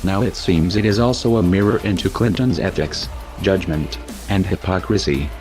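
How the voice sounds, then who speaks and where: Guy with a disguised super deep voice, cold and menacing, reading a scripted warning, faint music under it. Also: normal speed, a little mellow. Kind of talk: scripted threatening statement.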